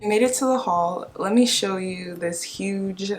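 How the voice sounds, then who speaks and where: Speaking unhurriedly in a mid-range voice, a young woman casually tells her viewers, whom she calls "you guys," about home decor finds. The vlog chat is chatty and enthusiastic, with faint music in the background.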